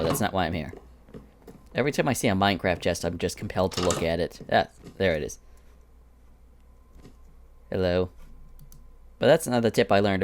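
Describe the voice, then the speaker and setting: A man giving a casual, chatty walkthrough of his animation sets, drifting into asides as he goes. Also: low voice. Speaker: animator showing his Minecraft prop world. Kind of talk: casual screen-recorded walkthrough.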